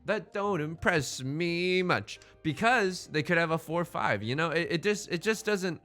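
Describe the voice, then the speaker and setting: With soft music behind him, a male gaming host jokes and banters through casual Let's Play commentary. His slightly high voice is animated, sharp in tone and a little slow, and he rambles, stammering and repeating words.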